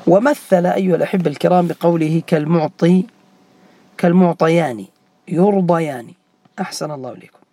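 High, gravelly male teacher quizzing students. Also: a little fast, mellow. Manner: quizzes students by name, repeats key forms. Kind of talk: classroom grammar lesson.

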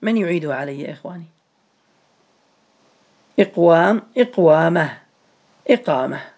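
A man's voice: a little high, animated, normal speed, darkish tone. A man teaching a grammar lesson to a class, patiently repeating each step and calling on students by name.

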